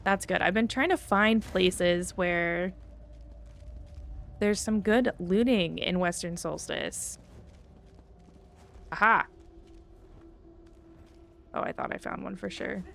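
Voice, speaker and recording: This female livestreamer takes things slowly as she plays an online fantasy game, her medium-pitched voice gravelly and a bit bright, with long pauses. She's chatty and upbeat, musing aloud and reading viewer comments over faint game music.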